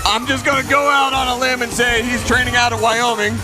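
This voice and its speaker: High-pitched man giving upbeat live fight commentary. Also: flat delivery, fairly quick. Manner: upbeat, enthusiastic. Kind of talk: live MMA commentary, conversational. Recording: loud music and noise behind the voice.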